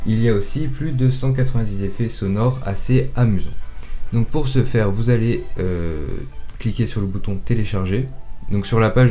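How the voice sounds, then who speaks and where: A man with a relaxed, mellow and slightly low voice guides through software step by step. His phrasing is hesitant and repetitive, and light music plays behind him. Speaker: tutorial presenter. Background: background music.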